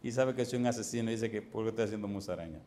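A man's voice: lowish voice, racing, warm tone, roomy sound, slight background noise, close to an everyday voice. A man voicing a desperate, guilt-ridden hitman in an agitated, pleading way.

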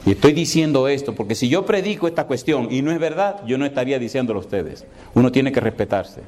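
A male preacher giving a sermon. He tells his stories with lively humor and plays the voices in them. Then he slows into deliberate, emphatic exhortation. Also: medium pitch. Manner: animated storyteller who acts out dialogue, then slows to emphatic preaching.

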